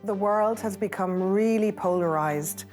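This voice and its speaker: A woman's voice: mid-range voice, measured pace, a little mellow, faint music behind. A woman speaking as an expert, explaining things in an interview. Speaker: behaviour expert.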